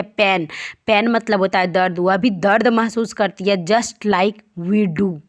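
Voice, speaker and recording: A woman teaching English, reading a children's story line by line and explaining each phrase. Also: mid-range voice. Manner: reads English lines slowly, then explains in quick Hindi.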